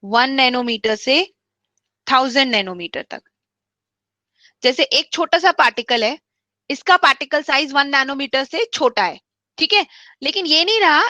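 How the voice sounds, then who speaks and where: Woman chemistry teacher, high bright voice, patient step-by-step explainer, dry close mic. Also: no room sound. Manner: explains step by step, repeats key points; mixes English terms into speech. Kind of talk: online class lecture.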